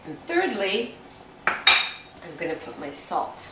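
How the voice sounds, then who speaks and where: In her echoey home kitchen, a woman with a mid-range voice and big pitch swings walks through a recipe step by step at a slow pace. She's chatty and homely as she cooks, speaking off-mic and far away, with a very noisy background of clinking pots and cutlery.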